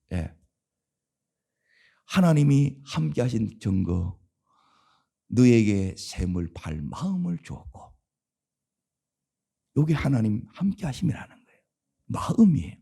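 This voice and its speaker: Gravelly Korean pastor preaching dramatically. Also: male voice, mid-range voice, sing-song, a little slow, long pauses. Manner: preaching with rhetorical questions to the congregation; swings between loud exclamations and hushed asides. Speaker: senior pastor. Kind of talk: dawn revival sermon.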